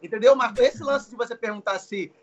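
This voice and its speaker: A man's voice: extremely high pitch, a little fast, highs cut off. A young man, a guest actor telling a funny personal story in casual chat, acting out the voices he quotes. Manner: animated, acts out quoted voices, swears. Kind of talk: casual storytelling on a live show.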